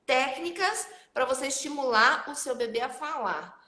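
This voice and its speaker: Animated woman, high voice, roomy echo. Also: normal speed. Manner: animated, addresses mothers directly. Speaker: otolaryngologist host. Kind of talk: live-stream talk.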